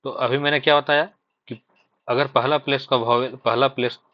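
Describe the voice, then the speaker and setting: A man's voice: medium pitch, fairly even intonation, moderate pace, dry recording. A man from Jharkhand teaching shorthand in an online exam-prep lesson, explaining patiently and repeating himself with many fillers. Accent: Hindi speaker from Jharkhand. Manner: patient, repetitive explaining with frequent fillers and "thik hai" checks. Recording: dry, slightly dull sound.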